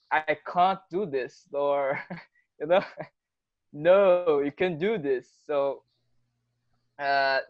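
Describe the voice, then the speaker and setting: A man's voice: fairly high pitch, a bit bright, dry recording, muffled recording. A man in a casual online chat who talks earnestly and often restarts his phrases. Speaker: meeting participant. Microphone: video call.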